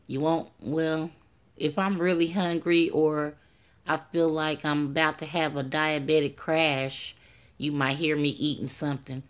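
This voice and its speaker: Talking unhurriedly in a low, flat voice, an older woman livestreams at home using her tablet's built-in mic. She rambles in a casual way, says hello to viewers, and laughs at herself.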